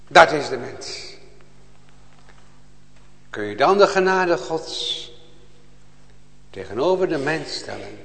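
A man preaching a sermon to his congregation, swinging between loud outcries and hushed, pleading passages. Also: medium pitch. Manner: addresses the congregation with repeated "O gemeente". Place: church. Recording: long church reverb.

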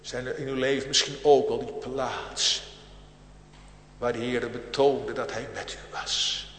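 A man preaching a sermon to a congregation, with a solemn cadence that swells and drops in loudness and archaic biblical phrasing. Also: medium pitch, steady tone, measured pace, slight background noise. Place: large church. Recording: echoey church hall with long reverb.

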